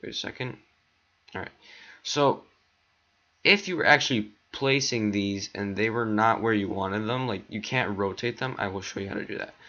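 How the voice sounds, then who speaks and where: A man's voice: on the low side, normal speed, pushed and bright. A man walking through a tutorial in casual talk, voice cracking now and then, rambling with lots of ums while he clicks through steps. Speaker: tutorial maker. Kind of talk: casual screen-recorded tutorial. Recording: dull lo-fi mic.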